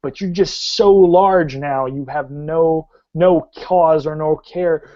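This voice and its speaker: A man runs a tabletop game as game master, his voice sitting fairly high. He paints the scene in a halting way, often restarting phrases. The audio is dull and lo-fi. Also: fairly even intonation.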